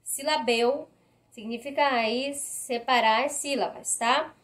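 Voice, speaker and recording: A woman teaching an online Spanish grammar lesson, reading slowly and often checking in with her students by asking "right?". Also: sits high, fairly even intonation, fairly bright tone. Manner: slow, careful, often checks in with a questioning "right?".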